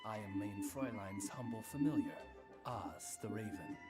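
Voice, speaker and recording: Pria memerankan gagak pelayan yang sopan dan anggun. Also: male voice, on the low side, animated, normal speed, over music, close to an everyday voice. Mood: courteous, dignified. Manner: formal, courteous butler-like speech. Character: courteous, refined male raven familiar serving a princess. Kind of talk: video game voice acting.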